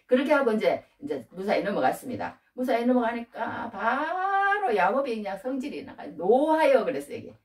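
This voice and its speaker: A woman giving a casual Bible-study sermon, retelling the story with lively asides and frequent prompts to her listeners. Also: a little high, moderate pace, few pauses, distant mic. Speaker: Bible teacher.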